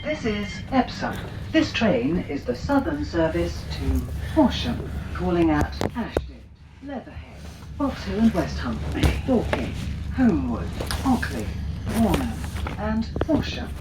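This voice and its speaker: A woman's recorded voice comes over a station loudspeaker in a train announcement, reading out each calling station in a measured way. Her voice sits on the lower side and moves a lot in pitch. It sounds distant and echoey, buried under loud train noise. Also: very animated. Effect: train public address loudspeaker announcement.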